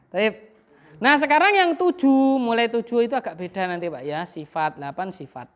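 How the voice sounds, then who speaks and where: A woman's voice: medium pitch, expressive, moderate pace. A woman teaching Arabic grammar, often leaving a sentence open for students to finish. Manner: quizzes the class with half-finished questions. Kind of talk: classroom lesson.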